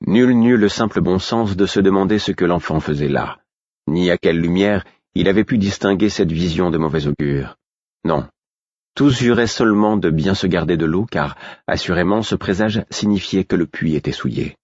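A man narrating a story in the first person as an audiobook, with measured, even storytelling. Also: low voice, no room sound. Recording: dull, dry recording.

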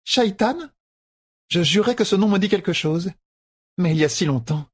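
A man voicing a calm, forgetful young woman who speaks in a soft, wondering way. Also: high-pitched, moderate pace, husky, pitched above the performer's own voice. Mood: dreamy.

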